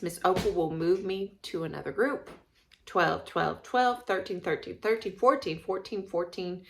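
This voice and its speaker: Expressive woman reading a storybook. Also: mid-range voice. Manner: expressive, with casual asides. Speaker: teacher reading a children's book aloud. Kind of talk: reading a children's chapter book aloud.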